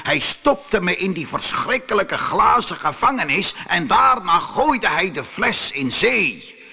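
Guy doing a huge angry genie from a storybook, roaring, high and rough. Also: sing-song, slow pace, exaggerated voice. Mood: bitter, boastful. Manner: roaring, shouting threats. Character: huge vengeful male genie from a bottle.

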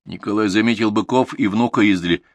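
A man reading short stories aloud as an audiobook narrator, in an expressive storytelling manner. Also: fairly low pitch, fast talker, no room sound, clean studio sound. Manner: expressive, story-telling delivery. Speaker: audiobook reader.

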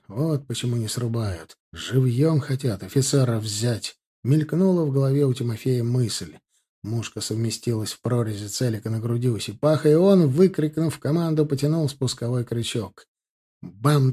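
Male audiobook narrator, mellow and husky, steady delivery. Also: medium pitch. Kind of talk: scripted narration.

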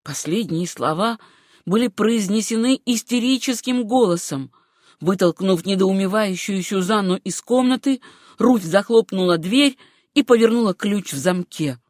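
A woman reading an audiobook aloud in a measured, expressive manner. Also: mid-range voice, no echo, studio quality. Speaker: narrator.

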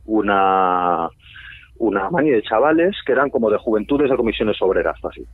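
Man, accent from Spain, husky voice, phone-like tinny sound, dry, slangy lively storytelling. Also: on the low side, normal speed, no room sound. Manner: lively storytelling, slangy, acts out his own past remarks. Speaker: guest telling a story on a radio show. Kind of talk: casual anecdote.

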